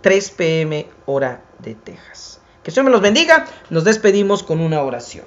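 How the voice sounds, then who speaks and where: A man preaching a sermon, addressing his listeners as brothers, rising to emphatic lines and then dropping to hushed, drawn-out phrases. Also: fairly high pitch, sing-song, highs cut off, slight background noise. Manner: dramatic preaching that swings from raised, emphatic lines to hushed near-whispers; addresses listeners as brothers and builds long repeated lists. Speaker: preacher and program host.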